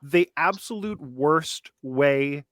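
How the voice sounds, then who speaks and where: Slow-talking man chatting on a podcast. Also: fairly high pitch, expressive, fairly bright tone, no echo, studio quality. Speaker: podcast co-host. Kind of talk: casual chat reacting to a recap.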